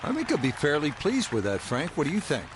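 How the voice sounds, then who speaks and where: A man's voice: on the high side, huge pitch swings, a little fast, crowd noise. Male golf commentator over outdoor noise. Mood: composed, approving. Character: composed male lead golf broadcaster, measured and informative. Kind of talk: golf commentary in a video game.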